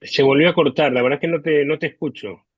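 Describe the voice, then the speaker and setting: A man on a video call explaining tax law in a measured way, hesitating often with "eh", over low quality stream audio. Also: steady tone, slightly rough, dry recording. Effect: low quality stream audio, connection dropping. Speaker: legal expert guest. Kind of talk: explaining law in a remote interview. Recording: dull lo-fi online call audio.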